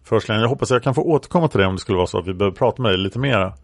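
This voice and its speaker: Formal police interrogator, read by a man, procedural questions, creaky voice, dry recording. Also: lowish voice, dry recording. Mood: questioning.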